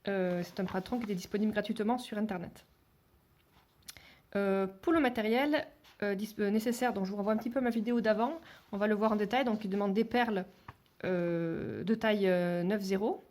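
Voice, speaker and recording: A woman's voice: medium pitch, a little fast, a little mellow. Hesitant woman teaching beadwork. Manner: hesitant, many fillers and restarts; drops to a near whisper while counting beads. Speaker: beading instructor. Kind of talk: step-by-step craft tutorial.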